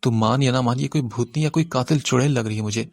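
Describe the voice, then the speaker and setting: A man reads an audiobook, lightly acting the part of a young male thug who wheedles, then whispers in fright to his friend, sounding nervous. His voice sits in the mid range, with no echo.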